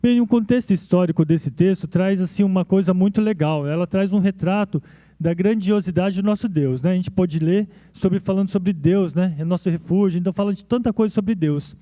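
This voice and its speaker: A male pastor preaching a sermon in a relaxed, conversational way, often checking in with his listeners. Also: sits high, brisk, dry recording. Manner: conversational, frequent "né?" tags and restarts. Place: church.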